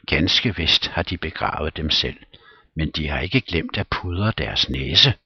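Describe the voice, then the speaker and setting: A man reading a play aloud and voicing a loud, blustering, quarrelsome landowner. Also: extremely low pitch, animated, husky, no echo, dull audio, heavily acted.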